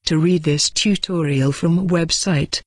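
A woman narrating a scripted promotional voice-over for a training manual, reading out a list of selling points in a steady pitch. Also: a little slow, no echo.

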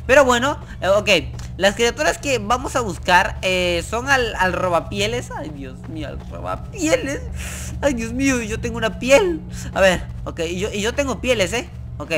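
A man giving excited gameplay commentary as a gaming YouTuber, swearing and yelping in fright. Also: very high voice, normal speed. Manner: jumpy, swears, yelps and screams in fright. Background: game music.

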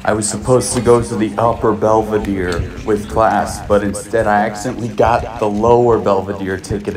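A young man vlogging, full of self-mocking meme slang, who later reads museum text aloud in a crowded art museum. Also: lowish voice. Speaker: student vlogger. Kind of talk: casual vlog, reading museum text aloud. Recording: crowd chatter behind.

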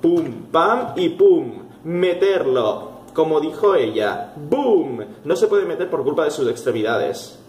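A man's voice: fairly high pitch, very animated, takes it slowly, darkish tone. A young man with a Spain Spanish accent giving jokey let's play commentary on a horror game, swearing and easily startled. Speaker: gaming youtuber. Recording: echoey room with faint noise.

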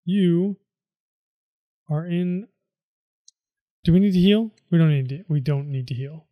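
A tired man talks through a video game run, muttering reactions to himself. He speaks slowly, with a slightly high voice. The recording is close and dry, with no room sound. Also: dry recording, muffled recording. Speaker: let's play host. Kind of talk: casual gameplay commentary.

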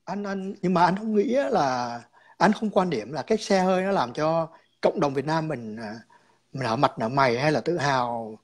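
A man's voice: fairly high pitch, lively intonation, normal speed. A man calling in to a chat, explaining his views in a rambling way, repeating words and slipping in English terms.

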